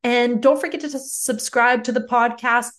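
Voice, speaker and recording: A woman hosting a solo coaching podcast, explaining advice in a deliberate, encouraging, instructional way with pauses between phrases. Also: on the high side, steady tone, a bit bright. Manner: instructional, encouraging self-help address to the listener. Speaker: life coach podcast host.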